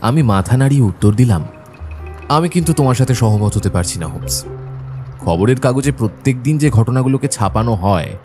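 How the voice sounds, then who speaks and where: An actor playing Dr Watson, a genial, sceptical gentleman who tells the story in the first person, with expressive delivery and a husky voice. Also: mid-range voice, natural voice. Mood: narrating.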